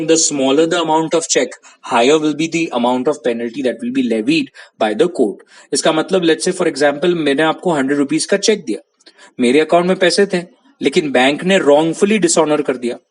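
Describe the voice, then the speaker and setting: A man from India lectures on contract law in a slightly high voice. He moves between Hindi and English and keeps stopping to check that his students are following along. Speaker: law teacher. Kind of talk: classroom-style lecture.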